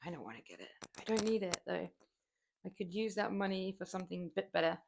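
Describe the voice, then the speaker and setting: A young woman from southern England speaks with a fairly low, creaky voice, animated and at a quick pace, over a noisy background. With her southern English accent, this fitness streamer chats casually with viewers while lifting weights, often rambling and laughing.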